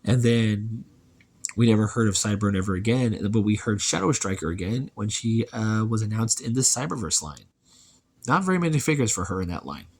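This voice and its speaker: A man casually reviewing a toy, chatty and relaxed, thinking aloud as he handles it. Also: fairly low pitch, fairly quick.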